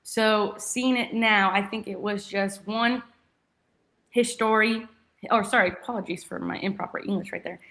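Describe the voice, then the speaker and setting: In a relaxed interview chat, a former college soccer player, a young adult woman from Texas, comes across as enthusiastic and effusive. Her medium-pitched voice holds a steady tone at normal speed and sounds a bit bright.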